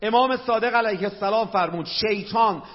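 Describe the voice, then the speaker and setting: Man, middle-aged, Qom Persian accent, preacher, fervent sermon, high lively voice, muffled lo-fi recording. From Qom, Iran. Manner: impassioned, rhetorical questions, Arabic quotations. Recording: dull lo-fi sound with long hall reverb.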